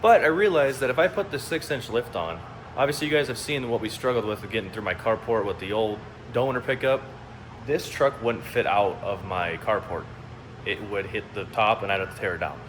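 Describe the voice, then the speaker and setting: He's a young man with a lowish voice, talking a little fast as he casually narrates his truck build and teases himself along the way. Now and then he gets out of breath while working across the backyard and workshop. The propped-up phone capturing him adds a slight hiss or hum.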